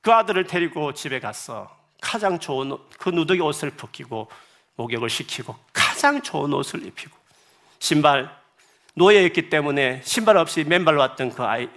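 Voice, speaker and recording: A man's voice: on the high side, expressive, normal speed, fairly bright tone. A male pastor preaching a sermon in an impassioned way, climbing to emphatic outbursts.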